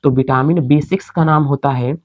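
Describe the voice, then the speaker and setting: A man's voice: medium pitch, fairly even intonation, a little fast, no echo. A male teacher giving an exam-prep chemistry lecture, explaining step by step and answering his own questions.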